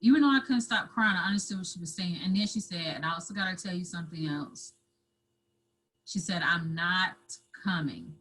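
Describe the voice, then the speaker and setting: A woman guest telling her own story in an interview, halting and repeating herself, at times close to tears. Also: lowish voice, a bit bright, slight background noise, rough recording. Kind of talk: emotional personal storytelling.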